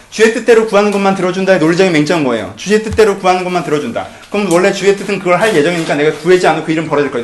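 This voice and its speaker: Animated high-voiced male pastor preaching. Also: echoey room. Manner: rhetorical questions to the congregation, shifting between hushed and emphatic. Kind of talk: sermon.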